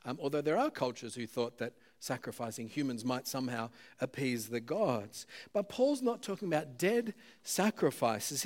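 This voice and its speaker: A man preaching a sermon in a relaxed, conversational way, with plenty of "um"s and self-deprecating asides. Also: mid-range voice.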